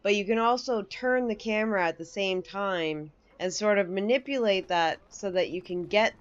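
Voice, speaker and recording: As host of a casual game tutorial, a woman talks conversationally through a video game, explaining each step, with game music in the background. Her voice is mid-range at a normal speed. The highs in the recording are cut off.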